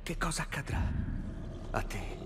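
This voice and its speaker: A man's voice: normal speed, very noisy, lightly acted. An actor voicing a determined, protective young male hero in a game dub, speaking in an earnest, reassuring way. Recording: long hall reverb.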